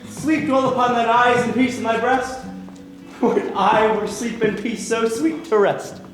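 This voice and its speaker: A man's voice: very high-pitched, steady tone, unhurried, roomy sound, faint music behind, low-quality recording. A man playing an ardent, dreamy young suitor in impassioned theatrical Shakespearean verse. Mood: tender, devoted. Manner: impassioned, swooning verse delivery. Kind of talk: theatrical Shakespearean stage acting.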